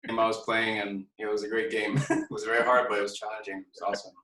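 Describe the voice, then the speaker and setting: A man from Hong Kong, a guest musician chatting casually in an interview, relaxed and hesitant with many pauses and fillers. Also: lowish voice, faint music behind. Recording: echoey room, far from mic.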